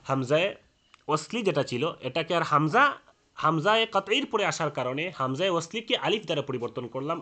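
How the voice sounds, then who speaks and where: A man's voice: a little high, sharp tone. A man teaching a lesson on Quran recitation rules, explaining step by step with frequent "ah" fillers and restarts.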